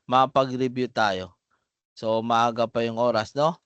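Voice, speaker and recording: Guy teaching letters over a video call, slow and patient, smooth clear voice, dry sound. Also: mid-range voice, level tone, fairly bright tone, no echo, muffled recording. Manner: slow, patient, calls students by name. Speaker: Arabic alphabet teacher. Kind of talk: online class drilling letter sounds.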